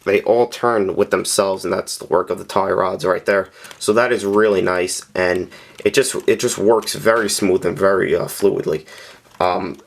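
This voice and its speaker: A man narrating a casual, unscripted review of a scale model, speaking plainly with frequent pauses and filler sounds. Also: sits low, steady tone, gravelly, a little hiss or hum. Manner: plain-spoken and candid.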